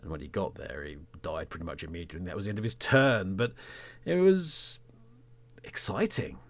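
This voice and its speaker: Low-voiced, animated and fairly quick, an Englishman in his thirties narrates a third-person story as a monologue on his podcast. His delivery is theatrical, with emphatic words and phrases that fade into a hush.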